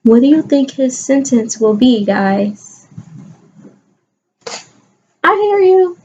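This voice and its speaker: Reading aloud expressively to young children, a woman kindergarten teacher coaxes them with questions and emphasizes key words. She speaks slowly in a high register; the recording has its highs cut off and slight background noise.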